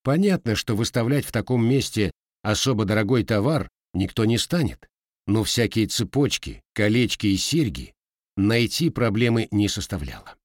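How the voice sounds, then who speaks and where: Low-voiced male audiobook narrator. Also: big pitch swings, normal speed, no room sound, studio quality. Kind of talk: scripted narration of a historical novel.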